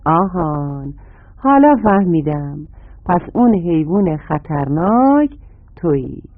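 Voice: mid-range voice, big pitch swings, no echo. A storyteller voicing an angry little squirrel child who insistently demands his lost star, in a children's radio story. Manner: insistent, scolding shouts. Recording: tinny phone-like radio sound, dry.

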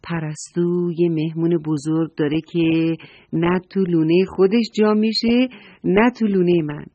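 A woman's voice: lowish voice, steady tone, no echo, lightly acted. A woman voicing a curious, eager little squirrel in a children's story, asking questions in a hurry. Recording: dull dry recording, soft music.

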